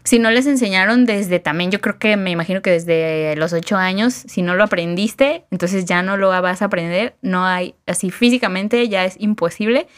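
A woman with a Mexican Spanish accent talks through musical ideas in a relaxed podcast chat. She explains patiently, leans on fillers, and laughs easily. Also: medium pitch, normal speed, hardly any pauses.

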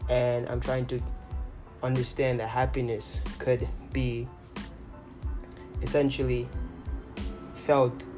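A man hosting a solo motivational podcast, speaking earnestly and deliberately, often repeating and rephrasing his phrases. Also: mid-range voice, flat delivery, music in the background. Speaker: podcast host.

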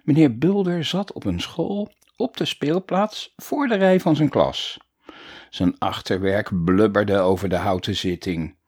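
A man narrating a children's storybook in a playful, animated way. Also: fairly low pitch, a little slow, breathy edge, no echo, clean studio sound. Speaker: audiobook narrator.

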